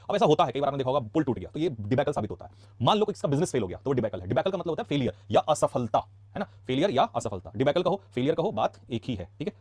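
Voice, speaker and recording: A man with an Indian accent teaching English vocabulary in a casual classroom style, asking quick questions and answering them himself. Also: on the high side, a little mellow, slightly rough, dry recording. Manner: rapid, chatty, asks quick questions then answers them. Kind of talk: casual classroom lesson explaining words.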